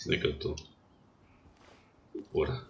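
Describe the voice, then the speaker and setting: A young man with a cold sounds stuffy as he chats haltingly, setting up a gaming livestream. His voice is slightly bright and unhurried, and the audio is lo-fi.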